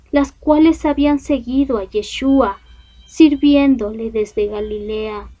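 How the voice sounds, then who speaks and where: Woman reading scripture really slow and deliberate, kinda muffled lo-fi sound. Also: high voice, mellow. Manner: measured, deliberate reading with pauses between phrases. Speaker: scripture reader. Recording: dull lo-fi recording.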